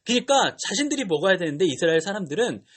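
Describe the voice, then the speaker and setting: A young male youth pastor tells a Bible story to teenagers in a high, husky voice. His pitch jumps around a lot, and he uses slang and asks the kids questions as he goes. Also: big pitch swings, racing.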